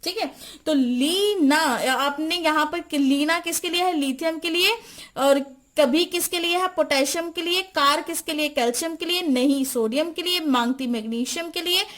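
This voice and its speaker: A woman's voice: high-pitched, fairly bright tone. A woman teaching a chemistry lecture, repeating mnemonics and quizzing the listener. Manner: repeats and quizzes the listener, slow deliberate spelling-out.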